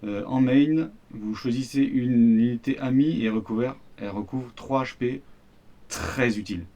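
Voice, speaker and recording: A card game YouTuber with a French accent casually shows off the cards in a starter deck, rambling with fillers and slang. His voice is mid-range and warm, a little slow.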